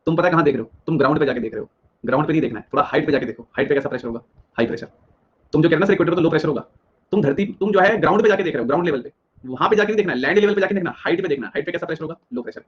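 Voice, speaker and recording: Fast-talking man teaching a live class. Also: fairly high pitch, lively intonation, slightly rough, dull audio. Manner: drills questions, repeats answers rapidly, addresses students directly. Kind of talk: live online exam-prep geography lecture.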